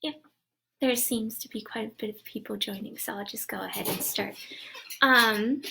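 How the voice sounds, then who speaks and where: A young woman from New Jersey chats on her live stream about dance. Her voice is bright and crisp, with a gravelly fry underneath, and it sits a little high. She talks in a friendly, loose way, with lots of ums and repeated words. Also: steady tone, moderate pace, a little hiss or hum. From New Jersey, USA. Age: young adult. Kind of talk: casual live-stream talk.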